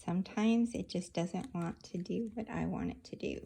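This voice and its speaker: A woman's voice: lowish voice, vocal fry, warm tone, slight background noise. A woman hosting a casual craft tutorial, talking through each step of her handiwork as she goes. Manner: unhurried, narrating each hand movement as she works.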